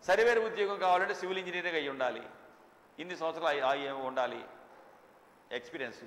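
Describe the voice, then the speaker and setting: A middle-aged man preaches in a church hall, his fairly high voice bright and sharp. He drops to quiet storytelling, then rises into loud, drawn-out proclamations. A long reverb trails his words around the room. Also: slight background noise. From India. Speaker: pastor. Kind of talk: sermon.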